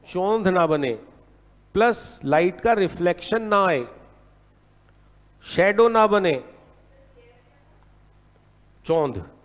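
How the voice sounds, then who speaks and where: A man teaching a law lecture in a lively storytelling way, often checking in with his class. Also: fairly high pitch, big-room sound. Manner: lively storytelling, keeps asking "है ना?".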